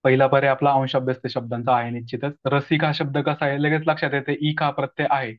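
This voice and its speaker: A man's voice: medium pitch, level tone, fast talker, dull audio. A man with a Marathi accent explaining exam questions in a lecture, often asking his listeners "right?" as he goes. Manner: explanatory, frequent rhetorical "right?" checks. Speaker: Marathi grammar teacher.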